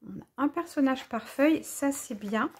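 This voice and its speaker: A woman's voice: high-pitched, animated, moderate pace, slightly rough. A French woman showing off craft paper and stickers in a casual, enthusiastic haul video, gushing over each item. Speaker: crafting vlogger.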